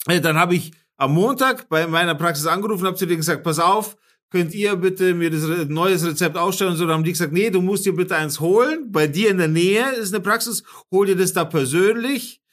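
A man's voice: high-pitched, moderate pace, fairly bright tone. A man, a podcast host telling a story in casual, slangy chat and swearing freely.

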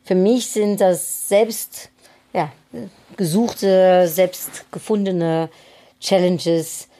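Female podcast host, slightly low and mellow. Reflective solo talk, halting, thinking as she goes. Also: steady tone.

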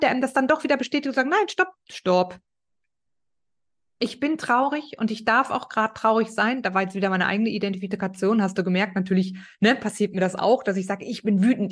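Middle-aged woman, podcast host; personal monologue, emphatic and repetitive, fairly high pitch. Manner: emphatic, repeats key phrases.

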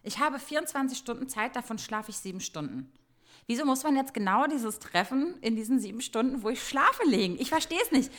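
A woman's voice: a little high, a little fast. A woman co-hosting a podcast in casual chat, telling self-mocking stories with lots of laughter. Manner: lively, self-mocking storytelling with frequent laughter. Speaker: podcast co-host.

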